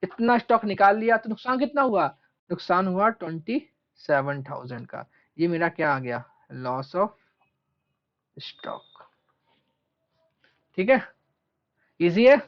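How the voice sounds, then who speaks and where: A man's voice: high voice, lively intonation. Male teacher, classroom lecture; repeats and stretches key terms; dull recording. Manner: asks questions and answers them himself, repeats key terms; stretches out terms slowly while writing. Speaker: commerce teacher.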